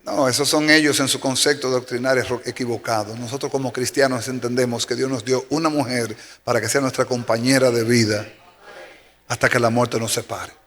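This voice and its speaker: A man's voice: medium pitch, fairly even intonation, fairly quick, fairly bright tone. A man pastor with a Dominican Spanish accent, preaching a sermon emphatically and repeating key phrases for effect. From Dominican Republic. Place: church sanctuary. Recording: long church reverb with faint music.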